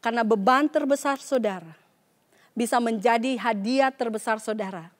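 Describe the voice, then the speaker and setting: A woman pastor preaching a sermon at a church service. She drops English phrases into her talk and acts out the voices in the scripture she reads. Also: on the high side.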